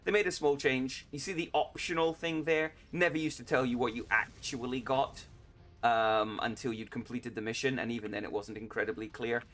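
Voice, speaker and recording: A man giving casual, self-deprecating commentary while playing a video game, chatty and prone to quick exclamations. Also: mid-range voice, fairly even intonation, fairly bright tone. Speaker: game streamer. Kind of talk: casual let's-play commentary.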